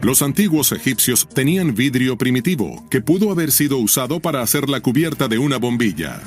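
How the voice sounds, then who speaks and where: A man's voice: medium pitch, very animated, brisk. Male documentary narrator over music. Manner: dramatic, intriguing, poses rhetorical questions. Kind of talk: scripted nature-documentary style narration. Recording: music bed behind the voice.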